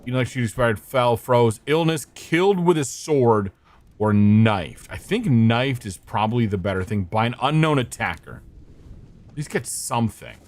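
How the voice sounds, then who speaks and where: A young man streaming a mystery game and puzzling over clues out loud. His pitch moves a lot as he talks. He jumps between thoughts, swears, and stops to greet viewers. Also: lively intonation, a little slow. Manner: thinking aloud, scattered, swearing, greeting chat. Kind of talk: casual gameplay commentary.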